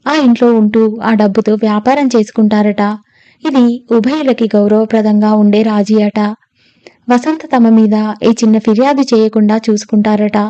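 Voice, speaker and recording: A woman's voice: fairly high pitch, fairly even intonation, moderate pace, dark tone, highs cut off, lightly acted. A woman reading the part of a spirited young woman who protests emphatically in a storybook reading. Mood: indignant.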